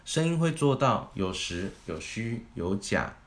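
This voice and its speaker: A man's voice: lowish voice, big pitch swings, a little slow. A man teaching a singing lesson, explaining vocal technique methodically, step by step. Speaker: vocal coach.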